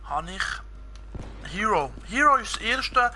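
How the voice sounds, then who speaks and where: This young man, a Swiss German speaker who also grew up with Italian, streams a video game and chats loosely with his viewers, full of fillers and rambling. His high-pitched voice is sing-song and sharp-toned, he takes his time, and a little background noise is audible.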